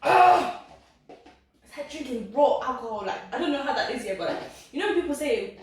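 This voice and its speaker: Giggly high-voiced woman in an echoey room. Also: expressive, moderate pace, a little hiss or hum. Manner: giggly, often laughing while talking. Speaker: video host. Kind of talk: casual chat during a food challenge. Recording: very echoey room, distant mic.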